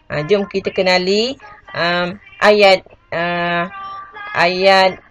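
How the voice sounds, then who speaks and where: A woman's voice: on the low side, fairly even intonation, drawn-out words, a bit bright, poor audio. A woman teacher with a Malaysian Malay accent giving an online classroom lesson, patiently repeating key points and asking her pupils questions. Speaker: religious schoolteacher.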